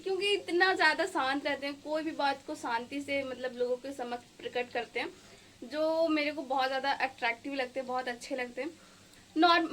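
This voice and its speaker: A woman's voice: high-pitched, a little hiss or hum. A young woman from India chatting casually in a home vlog, rambling with fillers while she cooks and studies. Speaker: vlogger, exam aspirant. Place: home kitchen and study table.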